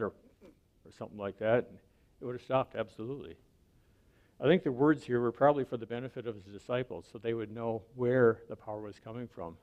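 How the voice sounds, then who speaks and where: A man's voice: mid-range voice, a little mellow. A man giving a sermon as a pastor, speaking in a conversational way and often checking in with the listener. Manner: conversational preaching, often asks the listener "right?".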